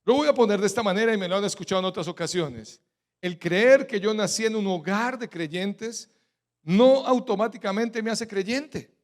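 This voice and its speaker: Colombian male pastor, high pitch, emphatic sermon cadence with call-and-response questions. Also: normal speed. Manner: rhetorical questions, has the congregation finish his sentences; emphatic preaching cadence with sudden loud stresses. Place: church.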